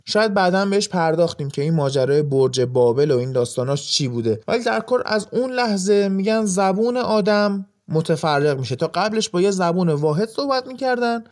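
A man hosting an educational podcast, narrating from a script in a lively way and acting out sound words as he explains. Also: sits high. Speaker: podcast host.

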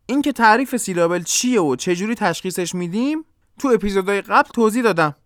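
A podcast host and English teacher giving a pronunciation lesson, explaining step by step and slowly demonstrating each sound. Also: mid-range voice, lively intonation, noisy background.

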